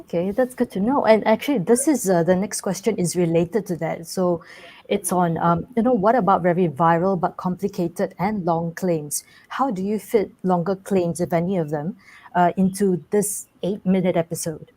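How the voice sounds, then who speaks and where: A woman's voice: on the low side, normal speed, dark tone. A woman moderating a discussion, putting questions to panelists in an informal, conversational way.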